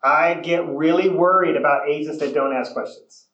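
A man's voice: fairly high pitch, fairly even intonation, normal speed, fairly bright tone, highs cut off. Man coaching agents in an echoey room. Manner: coaching, direct, asks the room for agreement. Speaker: real estate coach. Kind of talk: training session for a group.

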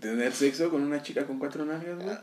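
A man's voice: on the high side, fast talker, roomy sound, crowd noise. A young man with a Mexican accent who trades crude, vulgar jokes with friends. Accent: Mexican Spanish. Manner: vulgar, lively banter. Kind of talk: casual joking chat.

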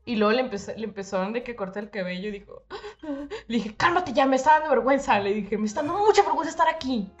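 A young woman with a Mexican Spanish accent, telling an animated story in casual chat with slang and bits of English. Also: a little high, racing, hardly any pauses, dull audio.

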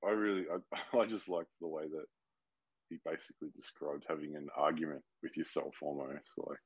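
A man's voice: very deep voice, steady tone, normal speed, slightly rough, no echo. A man in a casual book discussion, talking in an easygoing way and laughing now and then.

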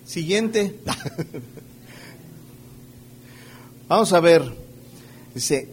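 A man's voice: a little high, lively intonation, drawn-out words, a little hiss or hum. A man preaching a conversational sermon, checking in with his listeners through rhetorical questions and playfully acting out everyday scenes. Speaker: pastor.

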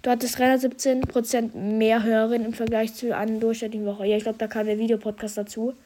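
Moving at a quick pace, a young podcast host with a congested nose from a slight cold chats about the year and reads off statistics in youthful slang. His mid-range voice stays level in tone and sounds mellow.

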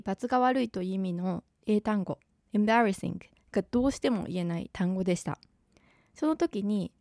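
A woman with a mellow, warm voice talks as a podcast language coach, clear and unhurried as she lays out each point. The sound is close and dry, with no room around her. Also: medium pitch, no room sound. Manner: calm, clear teacher explaining step by step. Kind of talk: solo podcast explanation.

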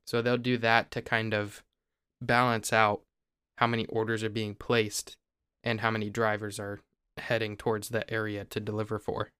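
A young podcast host from Ohio, USA, explains a topic in relaxed, casual chat, now and then backing up to restart a phrase. His smooth, resonant voice stays flat in pitch at a normal speed. The sound is dry and close.

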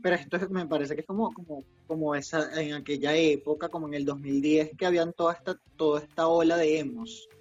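A man, co-hosting a casual chat in a calm, reflective way. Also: on the high side, brisk, hardly any pauses. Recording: dull lo-fi sound with faint music.

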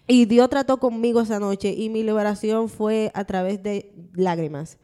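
A woman's voice: medium pitch, steady tone, moderate pace, mellow, clean tone. Earnest woman testifying about forgiveness. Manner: earnest, frequent affirmations. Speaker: podcast co-host.

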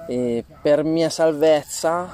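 Mellow man talking through a face mask. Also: on the high side, slow pace. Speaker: interview guest telling personal experience. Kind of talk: informal spoken testimony. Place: outdoors, at a distance from the interviewer. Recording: faint outdoor ambient noise. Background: outdoor ambient noise.

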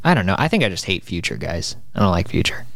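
A man's voice: low-pitched, fast, no room sound. A man co-hosting a casual podcast album review, rambling and swearing with lots of fillers. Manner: animated, profane, rambling with fillers. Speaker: podcast co-host.

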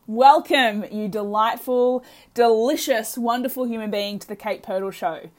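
Excitable Australian woman hosting a podcast. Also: on the high side, normal speed. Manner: excitable, emphatic, freely swearing. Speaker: podcast host, health coach. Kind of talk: casual solo podcast talk to listeners.

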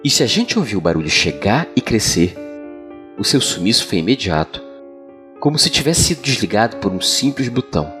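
A Brazilian man narrating as a podcast storyteller, with a sultry, deliberate, dramatic delivery of scripted horror tales. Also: on the low side, big pitch swings, fairly bright tone. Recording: music bed behind voice. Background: background music.

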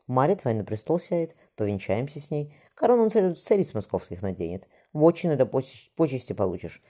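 A menacing middle-aged tsar, mocking and cruel in every word, as a reader acts him out. His lines come fast and cold in an audiobook reading. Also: mid-range voice, very animated, mellow. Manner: venomous, mocking.

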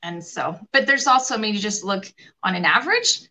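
A woman leadership coach in a podcast interview, talking in a lively way and acting out what other people say. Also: mid-range voice, fairly quick. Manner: animated, acts out quoted voices.

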